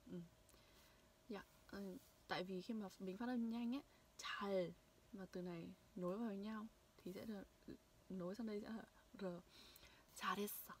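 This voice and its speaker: A young woman from Vietnam giving a casual language lesson, repeating phrases slowly to demonstrate pronunciation. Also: medium pitch, fairly even intonation. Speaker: language teacher. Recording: faint background noise.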